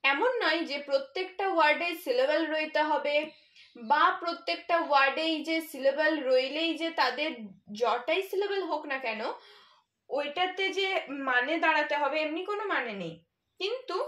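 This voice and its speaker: A woman's voice: high-pitched, fairly bright tone. Patient woman teacher spelling out words. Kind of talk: children's English lesson. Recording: echoey room.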